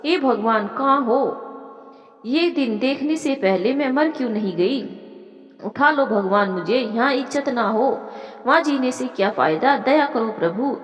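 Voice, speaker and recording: A shrill, scolding older mother-in-law, played by a woman narrator rails and wails in a high voice that swings widely. The sound sits in an echoey room with a long reverb tail. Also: lively intonation, measured pace. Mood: wailing. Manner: shrieking taunts, then wailing to God.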